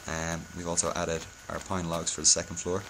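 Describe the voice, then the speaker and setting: A man's voice: sits low, level tone, fairly quick, background noise. A hungover man giving a casual game-building tutorial, speaking hesitantly and often correcting himself. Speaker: video tutorial host.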